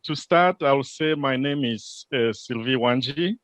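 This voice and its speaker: A man interpreting a studio interview, speaking in a measured way. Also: mid-range voice, a bit bright, dry recording.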